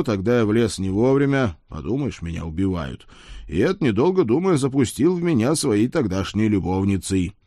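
A man's voice: fairly low pitch, warm tone, dry recording, clean studio sound. A man narrating a fantasy audiobook in the first person with a wry, ironic manner.

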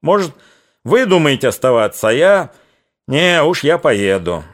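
A man's voice: on the high side, very animated, unhurried, voice pushed up. A man voicing a weary young Cossack officer son who speaks bluntly and curtly. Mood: defiant.

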